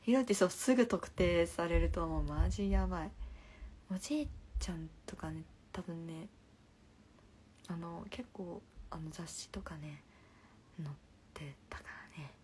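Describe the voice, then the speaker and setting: A young woman hosting a casual live stream, chatting through viewers' comments and often dropping into a soft half-whisper, speaking into a phone. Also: fairly low pitch, measured pace, pauses often, a little hiss or hum. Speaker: livestream host.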